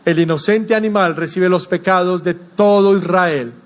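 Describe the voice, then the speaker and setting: A man's voice: high voice, normal speed. A man preaching a sermon in a church, asking the congregation questions as he goes. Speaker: pastor.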